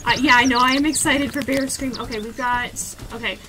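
A young woman streaming a speedrun, giving quick, excitable play-by-play commentary and repeating phrases as she goes. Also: high voice. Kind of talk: live gameplay commentary. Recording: game music in the background.

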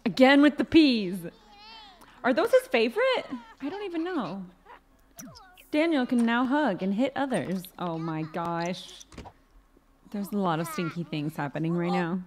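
A young woman commenting casually on a life-simulation game she is playing, expressive and quick to shriek and laugh. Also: mid-range voice. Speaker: gaming video host.

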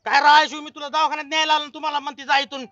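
High bright young man pleading. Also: flat delivery, racing, no room sound, muffled recording. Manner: pleading, flustered, rural Marathi speech. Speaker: village comedy sketch actor. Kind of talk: rustic comic skit acting.

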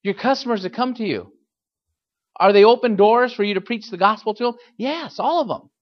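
A male pastor delivers a fiery sermon in a high voice. He exhorts emphatically, repeating key phrases and firing questions at his listeners. The recording is a little dull and lo-fi. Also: fairly quick.

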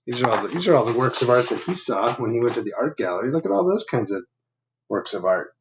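A man in his fifties reads quickly from a picture book for children, his mid-range voice swinging widely in pitch. In a small room at home with background noise, he offers simple, conversational asides to explain the story.

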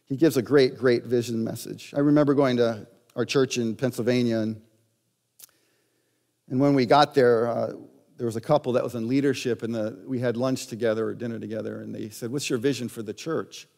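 A man's voice: mid-range voice, fairly even intonation, brisk, vocal fry, a little mellow. Male pastor preaching in a reverberant hall. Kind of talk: sermon. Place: church sanctuary.

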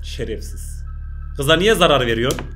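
A man's voice: mid-range voice, animated, normal speed, fairly bright tone, soft background music. A man commentating casually on a video he is watching, jumpy and exclaiming at the screen. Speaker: YouTuber reacting to a video.

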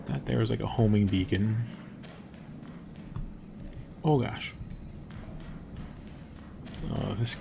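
A young man commentating a game casually, thinking aloud and dropping to hushed tones when nervous. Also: fairly low pitch, slow, gravelly, long pauses, noisy background. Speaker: gameplay commentator. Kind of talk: casual let's-play commentary.

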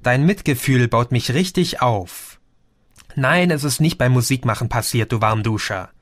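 A man's voice: mid-range voice, normal speed, no room sound, natural voice. A man voicing a grumpy, injured young bandmate with a growling, defensive manner.

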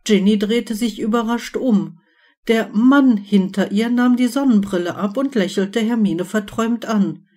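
A woman reading fan fiction aloud as an even, storytelling narrator. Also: fairly high pitch, a little slow. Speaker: audiobook reader.

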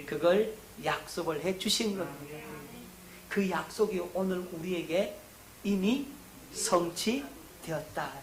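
A middle-aged man preaching a sermon lecture as a pastor, who asks the congregation questions and answers them himself, getting higher and louder on key points. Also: animated, slow, pauses often. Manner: rises in pitch and volume on emphasis. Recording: echoey room.

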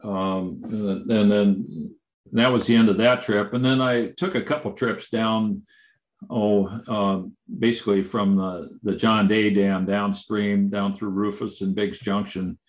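Presenter: man with a lowish voice, unscripted slide lecture, hesitant delivery full of fillers. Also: steady tone, muffled recording. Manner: halting, many fillers and restarts.

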